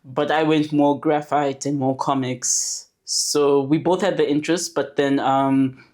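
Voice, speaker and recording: Relaxed young woman telling her story. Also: sits low, a little slow. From born in Zambia, raised in South Africa. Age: 20s. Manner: relaxed storytelling with fillers and restarts. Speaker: podcast guest, animation producer. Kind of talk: casual podcast interview.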